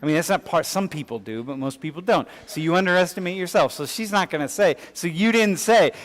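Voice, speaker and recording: Casual professor in a reverberant lecture hall. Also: male voice, high-pitched, lively intonation, a little fast. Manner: casual, conversational, many fillers and restarts. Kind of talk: classroom lecture with student questions.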